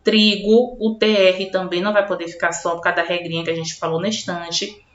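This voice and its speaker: A woman's voice: on the low side, little pitch movement. A woman teaching a recorded grammar lesson, talking to imagined pupils by name and answering for them in a patient classroom manner. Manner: slow, spelled-out classroom explanation. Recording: roomy, dull lo-fi home recording.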